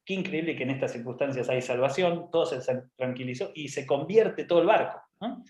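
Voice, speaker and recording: Preacher with a joking, chatty delivery. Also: male voice, medium pitch, a little fast, a little mellow, roomy sound. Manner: conversational, humorous, frequent tag questions. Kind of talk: informal sermon talk.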